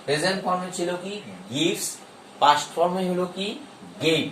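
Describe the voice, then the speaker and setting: A man teaching an English grammar lesson, slowly dictating and stressing his examples. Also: high voice, fairly even intonation, a bit bright, recorded from a distance. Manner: slow, emphatic dictation of examples. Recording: echoey room, off the mic, faint hiss.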